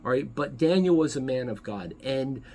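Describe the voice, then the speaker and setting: Husky-voiced man teaching a Bible lesson. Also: mid-range voice, animated, dark tone. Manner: conversational and halting, many fillers and self-corrections. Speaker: pastor teaching a Bible study. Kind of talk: sermon.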